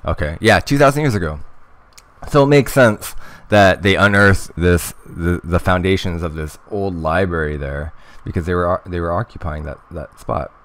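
Host type, deep low voice, loose rambling commentary with ums and restarts. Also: male voice, normal speed, a bit bright. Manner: rambling, hesitant, lots of fillers and restarts. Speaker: host of a history news channel. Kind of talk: casual commentary reading articles.

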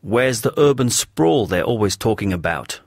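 A man's voice: on the low side, lively intonation, normal speed, vocal fry, dry recording, studio quality. A man playing a wry, genial detective. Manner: polite, wry, jovial. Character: polite, genial Scotland Yard detective, man.

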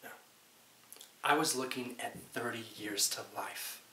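A young American man in his twenties acting a dramatic monologue as a bitter, aggrieved man who says he was framed, defensive and halting. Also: medium pitch, sharp tone. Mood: bitter, indignant. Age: 20s. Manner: defensive, emphatic, swearing, halting. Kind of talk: dramatic monologue, naturalistic audition-style acting. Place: small plain indoor room. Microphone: camera mic a few feet away. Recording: roomy home recording with hiss.

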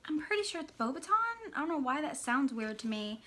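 A woman hosting a casual unboxing vlog, gushing and giggling, often muttering softly to herself as she opens things. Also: high voice, fast. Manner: excitable, giggly, gushing exclamations. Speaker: channel host.

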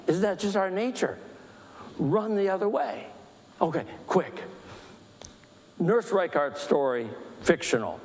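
Jovial pastor in an echoey church hall. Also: male voice, medium pitch. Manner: animated, jokey, asks the group questions. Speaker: pastor leading a book discussion. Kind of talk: casual storytelling talk. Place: church meeting room.

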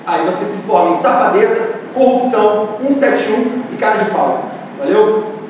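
A man with a Brazilian accent leading an impressions class in a comedy sketch, loud and bossy, calling out to a group. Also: high-pitched, normal speed, background noise. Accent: Brazilian Portuguese. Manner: loud, bossy, shouting call-and-response. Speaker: impressions teacher. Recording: echoey room from far off.

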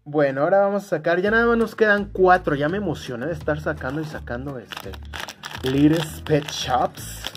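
A man's voice: on the high side, moderate pace. A man hosting a casual toy unboxing for viewers. He bursts into delighted exclamations and is fond of cute diminutives. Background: background music.

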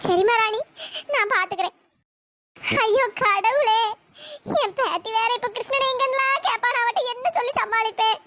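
Someone voicing a weeping old grandmother, squeaky cartoon voice. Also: moderate pace, pushed and bright, no echo. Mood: anxious, tearful. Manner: wailing, pleading with god. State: crying. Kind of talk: pitch-shifted cartoon voice acting.

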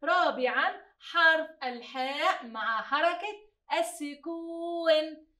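A woman with a high voice teaches a slow phonics lesson to young pupils. She stretches out every sound and praises them between words. She sits back from the mic in a roomy, echoing space. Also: sharp tone, recorded from a distance. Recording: echoey room, voice a bit off-mic.

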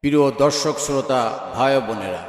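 A man teaching Quran reading, spelling out syllables slowly in a chanted, sing-song drill. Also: mid-range voice, lively intonation. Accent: Bangladeshi Bengali. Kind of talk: slow chanted letter drill. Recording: roomy echo with long reverb.

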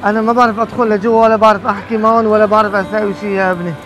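A man's voice: sits high, level tone, very fast, faint music behind, low-quality recording. A man playing an aging father in a street drama, speaking in an emotional, pleading way. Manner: emotional, pleading, rising to shouts. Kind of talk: amateur street drama acting.

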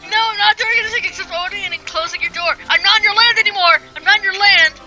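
A man's voice: fairly even intonation, fast talker, soft background music, a faint crowd, low-quality recording. A man talking through a gender swap voice filter that makes him sound like a woman, teasing and joking in casual chat while playing a game. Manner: playful, teasing, bursts into shrill yelling. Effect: gender swap voice filter making him sound like a woman. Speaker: gamer.

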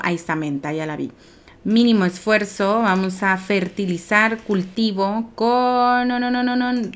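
A woman streamer narrating her life-sim gameplay in a loose, rambling way. Her pitch sits in an ordinary middle range, and she keeps chatting to herself and her viewers, now and then jumping into high, excited squeals. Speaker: game streamer. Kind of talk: let's play commentary.

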